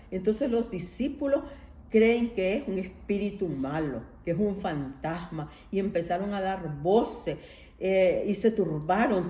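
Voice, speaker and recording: A woman's voice: mid-range voice, warm tone, roomy sound. A woman preaching a sermon in a conversational way, often checking in with her listeners through a questioning tag.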